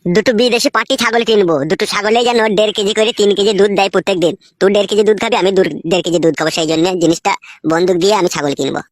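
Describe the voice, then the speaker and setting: A woman playing a crude, fast-talking village husband. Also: mid-range voice, dry recording, studio quality, close to an everyday voice. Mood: bossy. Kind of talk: comic skit acting.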